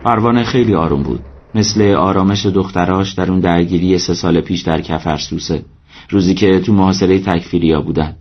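A man reading a story aloud as narrator, steady and measured. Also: low voice, breathy edge, muffled recording. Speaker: audiobook narrator. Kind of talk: scripted narration.

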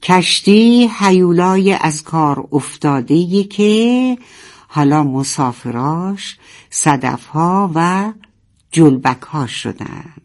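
A storyteller voicing a young male narwhal, curious and fearful, in a higher, plaintive tone. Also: lively intonation, natural voice. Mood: wondering.

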